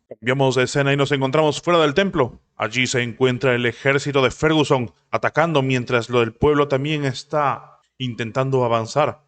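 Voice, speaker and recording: A man narrating a comic story recap, retelling scenes quickly and now and then correcting himself mid-word. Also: medium pitch, fairly bright tone. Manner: rapid retelling with occasional self-corrections.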